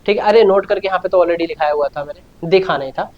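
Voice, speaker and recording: A man's voice: high-pitched, fast, lo-fi sound. A man teaching a chemistry lecture, repeating key words, asking questions and answering them himself, and often telling students to listen carefully and note things down. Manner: repetitive, answers his own questions, keeps urging students to note down. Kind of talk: classroom lecture.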